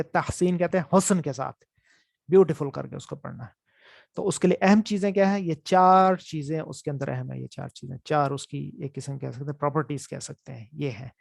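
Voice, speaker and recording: A man's voice: fairly high pitch, vocal fry, darkish tone, dry recording, studio quality. A man teaching a class on Quran recitation rules, explaining step by step and often repeating key points. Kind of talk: online class lecture.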